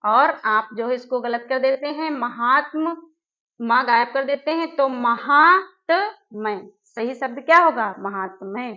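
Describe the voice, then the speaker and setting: A woman teaching an exam-prep spelling lesson, who asks her class questions and then answers them herself, repeating each word slowly. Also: fairly high pitch, muffled recording. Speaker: Hindi teacher.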